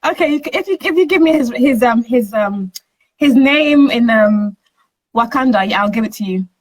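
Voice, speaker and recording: A woman with a high voice hosts a relaxed online interview. She keeps it upbeat, laughs often and coaxes her audience to chime in. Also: moderate pace, poor audio. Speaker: host.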